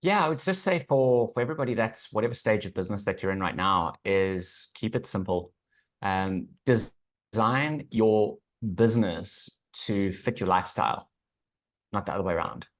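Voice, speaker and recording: Low-pitched South African man giving advice. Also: expressive, normal speed. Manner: assured, instructive, checks in with "right". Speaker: business consultant, podcast guest. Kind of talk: conversational advice.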